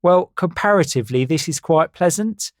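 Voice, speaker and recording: Man doing a high naive little bird, eager, bouncy, dry close sound. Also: lively intonation, moderate pace, no echo, close to an everyday voice. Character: gullible eager small male bird.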